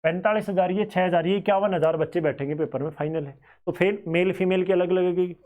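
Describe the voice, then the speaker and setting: Chatty exam-coaching teacher, higher male voice. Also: fairly even intonation, fast, darkish tone. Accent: Haryanvi-flavoured Hindi. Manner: conversational, addresses students as bhai, thinks aloud. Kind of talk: explanatory lesson on exam cut-offs.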